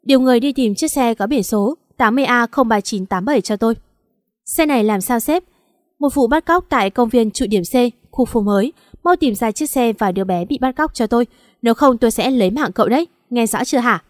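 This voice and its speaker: A woman's voice: fairly high pitch, fairly quick, dry recording, studio quality, close to an everyday voice. A woman voicing a stern young boss man. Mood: commanding. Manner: commanding, urgent.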